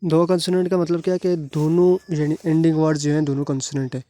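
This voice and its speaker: A man's voice: on the high side, flat delivery, mellow, no echo. Man explaining spelling rules, dry sound. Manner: slow, deliberate, spells out letters and reads rules aloud slowly; frequent hesitations and clears throat. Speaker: English teacher. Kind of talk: spoken lesson explaining rules.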